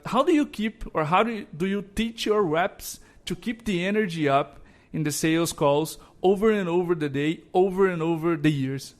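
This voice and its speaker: A man from Brazil hosting a sales podcast, friendly and slightly halting, laughing often. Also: high voice. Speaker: podcast host. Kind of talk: podcast interview.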